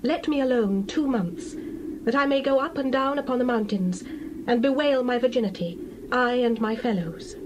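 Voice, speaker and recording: Woman acting a high-voiced, devoted young daughter. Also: close to an everyday voice. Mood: sorrowful, resigned. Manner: earnest, measured. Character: devoted, submissive, sorrowful young Hebrew daughter. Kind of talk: dramatized Bible reading. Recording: clear background noise.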